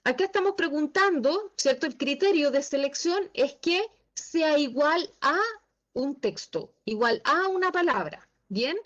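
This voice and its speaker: Female instructor, high voice, patient step-by-step teaching, slightly muffled call audio. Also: lively intonation, measured pace, a bit bright. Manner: patient, asks the class checking questions. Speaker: Excel instructor. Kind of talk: online class teaching. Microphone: video call.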